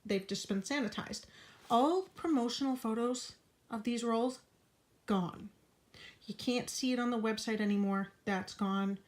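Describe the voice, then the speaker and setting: A woman's voice: on the high side, measured pace. An out-of-breath woman giving a casual update vlog from her bed at home, talking in a frank, indignant way and sometimes dropping into a whisper. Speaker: vlogger.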